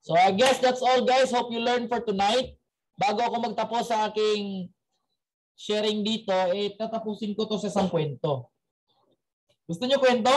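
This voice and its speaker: A man's voice: high voice, normal speed, low-quality recording. A man who has young children, giving a chatty motivational talk at a team meeting and quizzing his audience before telling a story. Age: adult with young children.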